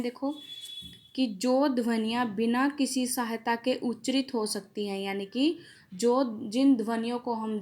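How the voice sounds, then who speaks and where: A woman teacher, giving a classroom grammar lesson, explaining step by step, asking questions and answering them herself. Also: fairly high pitch. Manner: draws out vowel sounds slowly and loudly when reciting them. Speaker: school teacher.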